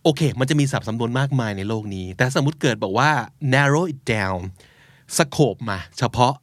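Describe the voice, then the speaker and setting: A man's voice: medium pitch, animated, moderate pace, dry recording, clean studio sound. A man hosting a casual podcast about learning English, explaining things patiently. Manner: explains patiently, mixes Thai and English, polite particles.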